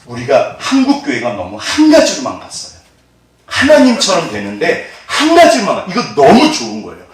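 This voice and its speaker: Recorded from a distance in an echoey church sanctuary, a middle-aged male pastor delivers a lively sermon, laughing frequently and asking his congregation call-and-response questions. He speaks at normal speed in a slightly high voice.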